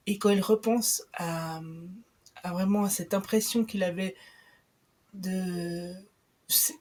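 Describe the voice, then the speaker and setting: A young guest whose first language isn't Italian chats about her book on live radio. Her voice is mid-range, darkish and slightly rough, and she often uses fillers and starts sentences over.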